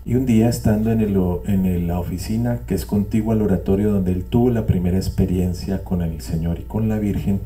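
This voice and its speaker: A man's voice: low voice, fairly even intonation, fairly quick, few pauses, dark tone, far from the mic. An older man sharing a reflective, repetitive testimony with a live audience, with wry digressions. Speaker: speaker at a spiritual community gathering. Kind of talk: reflective testimony talk to a group. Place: meeting room with a live audience.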